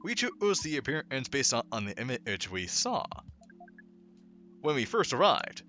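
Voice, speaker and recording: A man's voice: medium pitch, wildly swooping pitch, unhurried, pushed and bright, soft background music, pitched above the performer's own voice, heavily acted. A man voicing a friendly alien visitor in a game, who speaks formally and a little stiffly, always as "we". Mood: cheerful. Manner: upbeat, formal, slightly stilted phrasing.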